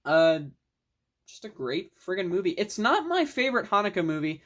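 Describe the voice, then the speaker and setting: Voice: mid-range voice, sing-song, moderate pace, fairly bright tone. A young adult vlogger giving a casual, rambling film review monologue, enthusiastic, with mild swearing.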